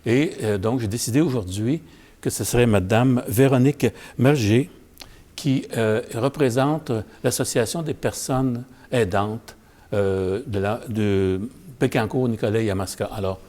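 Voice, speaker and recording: A man's voice: mid-range voice, unhurried, mellow. A man hosting an interview in a theatre lobby, hesitant with many fillers. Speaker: host. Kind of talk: casual interview.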